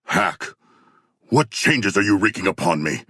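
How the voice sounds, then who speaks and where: A man playing a hulking, proud humanoid shark warrior in a video game, speaking in stilted, grandiose formal phrases with a gravelly voice. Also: low voice, lively intonation, measured pace, sharp tone, dry recording, clean studio sound, full character voice. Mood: earnest, solemn. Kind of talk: video game character dialogue.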